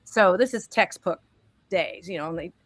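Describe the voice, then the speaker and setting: A woman in her fifties from Connecticut, a guest educator telling her first-year story, emotional and quick to laugh. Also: on the low side, dry recording. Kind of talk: panel discussion answer.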